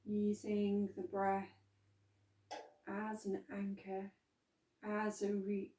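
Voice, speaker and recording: A woman guides a calm grounding exercise in a soft, dark-toned voice. She speaks very slowly and gently, leaving room between phrases. The sound is a little distant from the microphone. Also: mid-range voice. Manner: calm, gentle, unhurried instruction with soft pauses. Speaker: meditation and movement instructor. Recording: roomy echo, distant from microphone.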